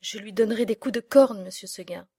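A woman voicing a restless young female goat who gently but stubbornly insists on leaving. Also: medium pitch, fairly quick, slightly rough, no echo, clean studio sound.

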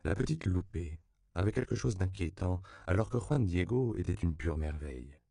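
A man narrating an audiobook in an even, measured literary reading. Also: low-pitched, vocal fry, dry recording.

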